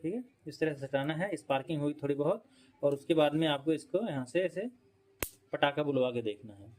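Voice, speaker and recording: Higher-voiced man teaching fan repair. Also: animated, a little fast, a little mellow, slight background noise. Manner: explanatory, repeats points, frequent "ठीक है" check-ins; demonstrating with tools while talking. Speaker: electrician instructor. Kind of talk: hands-on repair tutorial.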